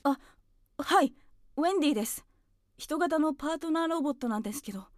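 A woman's voice: sits high, lively intonation, quick pace, no room sound, clean studio sound. A woman playing a polite, timid young boy in an audio drama, acting and narrating in the first person. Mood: earnest, anxious.

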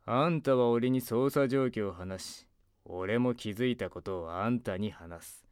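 A man's voice: medium pitch, measured pace, darkish tone, smooth, no echo, studio quality, lightly acted. A man playing a laid-back, wry private detective in an audio drama, talking in a cool, casual noir manner. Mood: cool, bargaining.

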